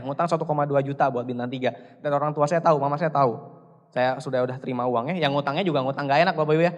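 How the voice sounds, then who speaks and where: A young man with a slightly raised voice rattles through a motivational seminar talk at high speed, joking and speaking straight to the audience. His voice rings with a long reverb, as in a large hall. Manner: chatty, joking, addresses audience directly.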